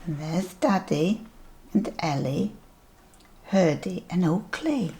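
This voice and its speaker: A sweet grandmotherly older woman reading a picture book aloud to young children, gently pointing things out as she goes. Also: on the low side, expressive, a little hiss or hum. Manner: slow, deliberate storytelling with asides.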